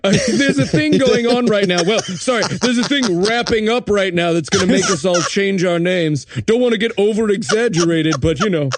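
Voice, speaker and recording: A man's voice: high-pitched, moderate pace, few pauses. A man co-hosting a podcast, riffing with crude, sarcastic jokes. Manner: crude, sarcastic, animated joking. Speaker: podcast co-host. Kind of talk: casual comedic banter.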